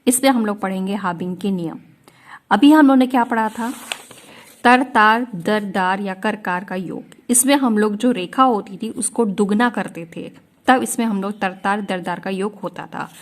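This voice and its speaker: A woman teaching a shorthand class, explaining each rule step by step and often checking that her students follow. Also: medium pitch. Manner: slow, patient, often checks in with "ठीक है?".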